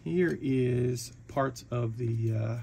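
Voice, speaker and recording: A man casually talking through the parts of a model kit, chatty and relaxed, with frequent fillers and restarts. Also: mid-range voice, extremely slow, vocal fry, background noise. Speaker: hobby shop owner reviewing a model kit. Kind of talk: casual product walkthrough.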